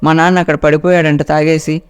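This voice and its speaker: Man doing a little ghost girl, pleading, says uncle a lot, smooth clear voice. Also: a little high, little pitch movement, a little fast, close to an everyday voice. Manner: pleading, calls him uncle. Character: young girl ghost leading a man to a grave.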